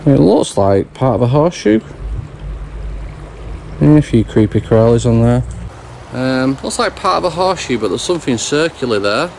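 A man's voice: medium pitch, big pitch swings, normal speed, creaky, pauses often, a little mellow. A man in his forties, chatty and cheery, talking to viewers as he fishes with a magnet outdoors by a river. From England. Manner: chatty, cheery, talks to viewers as "you beauts". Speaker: magnet fishing vlogger. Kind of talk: casual chat to camera. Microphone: action camera on the body. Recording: outdoor wind and river noise.

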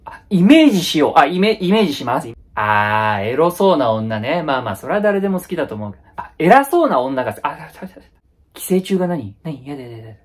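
A man with a husky, breathy edge to his voice talks through a comic skit, firing off blunt, rough-edged casual retorts. His pitch leaps and dives constantly. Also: very animated, quick pace. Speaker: comedy YouTuber. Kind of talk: comedic solo skit.

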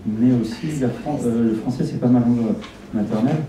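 At a small public Q&A in a shop's indoor event room, an audience listens as a middle-aged Argentine director, a native Spanish speaker, talks into a handheld mic. He speaks fairly quickly at medium pitch, repeating words as he thinks. Background noise is present, and the distant camera gives a roomy sound.

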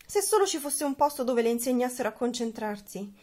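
A woman's voice: a little high, expressive, a little fast, mellow. A woman voicing a fussy, loving mother with a raised, exasperated tone in a storybook reading.

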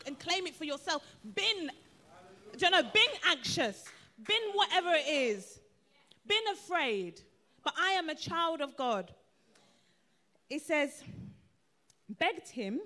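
Woman pastor, 30s; high, sharp delivery with playful asides. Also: moderate pace. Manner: lively, laughing asides, acts out quotes. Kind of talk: sermon. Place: church.

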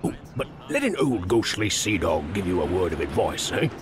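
An actor playing a gruff old fisherman, a sailor's ghost with salty nautical talk, in a video game. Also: sits low, sing-song, normal speed, noisy background. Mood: gruff, advising.

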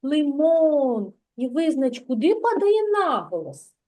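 Patient kindergarten teacher, woman, high gentle voice, mellow tone, unhurried. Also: big pitch swings. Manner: patient, slow, encouraging, praising often. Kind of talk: remote literacy lesson with a child.

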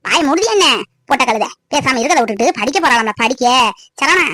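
A woman's voice: sits high, animated, quick pace, bright, forceful tone, no echo, studio quality, pitched below the performer's own voice, heavily acted. A woman doing a bossy scolding old grandmother. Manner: scolding, domineering.

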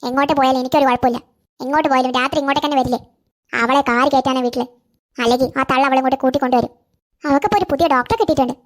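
A woman's voice: high-pitched, fairly even intonation, close to an everyday voice. [name], a woman doing a spiteful stepmother. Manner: boastful, scornful, rapid-fire. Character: scheming proud stepmother, spiteful and boastful. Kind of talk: cartoon voice acting.

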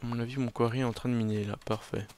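A man's voice: medium pitch, level tone, racing, a little mellow, a little hiss or hum. A man giving casual, self-mocking commentary on his own game, muttering to himself as he plays. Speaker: let's play gamer.

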